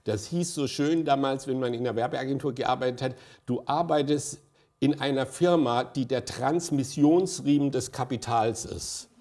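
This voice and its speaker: A man in his sixties, a festival director appearing as an interview guest on stage, tells long anecdotes filled with hesitant fillers and chuckles. His voice is mid-range, slightly mellow, and moderately paced.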